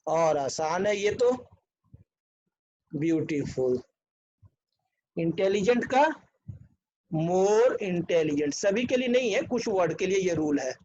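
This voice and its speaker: High-voiced man teaching grammar slowly. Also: lively intonation, darkish tone, a little hiss or hum. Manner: spells out words letter by letter, checks in with "clear?". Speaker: English teacher. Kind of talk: online grammar lesson. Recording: dull lo-fi recording.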